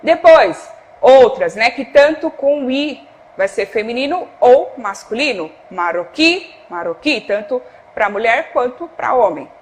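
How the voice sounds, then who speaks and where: A Brazilian Portuguese-accented woman teaches a broadcast class in a high, bright voice. She keeps checking in with short "ok?" and "tá?" tags and calls instructions to a producer off camera. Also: lively intonation, unhurried. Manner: checks in often with "tá?" and "ok?"; gives cues to a producer off-camera. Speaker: Spanish teacher. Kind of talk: televised classroom explanation.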